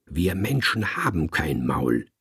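A man voicing a boastful, tipsy poet and court judge who blusters and shouts his boasts, read with a husky, creaky voice. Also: low-pitched, very animated, slow, no echo, studio quality, voice pushed down, exaggerated voice. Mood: gruff. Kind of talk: audiobook character voice.

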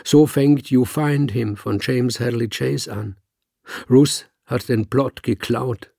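A man reads a story aloud, slow and even. His voice is gravelly and dark with a husky grain. The recording is dry and close. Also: medium pitch, no room sound. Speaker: reader. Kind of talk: audiobook reading.

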